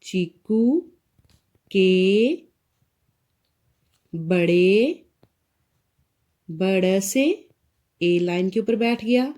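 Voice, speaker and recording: Pakistani Urdu-accented woman teacher for a kids' writing lesson; unhurried, mellow delivery. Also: mid-range voice. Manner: slow, spells out letters one by one. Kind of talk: recorded Urdu writing lesson for young children.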